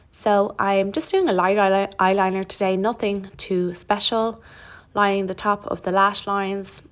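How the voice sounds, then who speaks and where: A young woman narrating a makeup tutorial in a chatty, relaxed way, with self-deprecating asides. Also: medium pitch.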